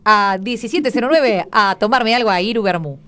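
A woman's voice: medium pitch, normal speed, sharp tone. A woman with an Argentine accent hosting a casual radio chat, prodding her guest with eager questions. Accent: Argentine Spanish. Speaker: radio host.

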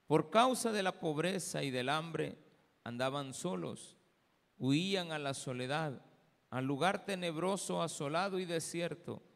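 A pastor with a Salvadoran Spanish accent, reading scripture aloud, praying and preaching in slow, deliberate phrases with pauses. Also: male voice, a little high, gravelly, big-room sound. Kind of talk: sermon with scripture reading and prayer. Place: church sanctuary.

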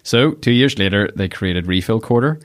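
A man's voice: lowish voice, animated, moderate pace. A man with a Northern Irish accent hosting a casual interview, chatty and jokey, often laughing. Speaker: podcast host.

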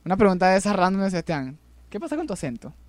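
A man's voice: high voice, sing-song, rapid-fire, darkish tone. A man with a Venezuelan accent co-hosting a podcast in casual, slangy chat. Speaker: podcast co-host.

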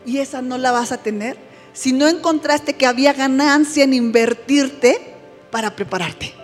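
A woman's voice: sits high, moderate pace, big-room sound, faint music behind. A woman pastor preaching a conversational sermon, often checking that listeners follow.

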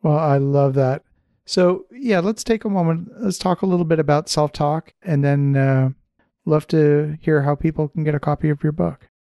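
A man's voice: fairly high pitch, moderate pace, dark tone. A man hosting a podcast interview, speaking in an enthusiastic, encouraging way. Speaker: interview host.

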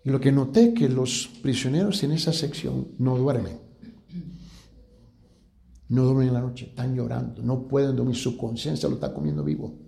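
Male pastor, dark gravelly voice, preaching a testimony, goes hushed at grave moments, echoey room. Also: medium pitch, expressive, moderate pace.

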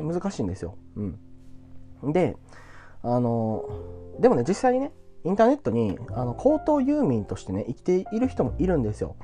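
A man talks quickly and bluntly, his pitch swinging up and down as he chats. His voice is dark and mellow, with faint guitar music behind him. He sounds sure of himself and keeps it casual. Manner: blunt, self-assured, chatty with frequent tag particles. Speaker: entrepreneur giving career advice. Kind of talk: casual solo talk to viewers.

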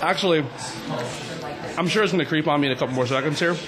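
A hungover man hosting a casual tasting chat, struggling with spicy heat and repeating his phrases in a halting, jokey way. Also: on the high side, a loud crowd. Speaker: show host. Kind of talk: casual chat while tasting hot sauces. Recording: loud music behind the talk. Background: music.

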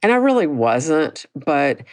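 A woman in her sixties takes her time on her personal podcast, talking frankly and reflectively in a sing-song way. Her low voice doesn't carry much, and she keeps restarting her phrases.

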